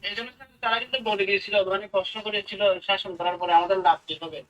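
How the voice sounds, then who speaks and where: A man's voice: sits high, fast, a bit bright. A male student answering his teacher during a class. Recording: faint, dull, from across the room.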